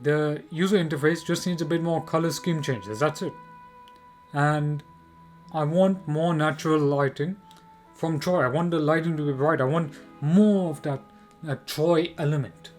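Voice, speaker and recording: Male game commentator, slightly high voice, emphatic and repetitive opinion delivery, music bed underneath. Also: unhurried, a little mellow. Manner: emphatic and repetitive, with rhetorical questions.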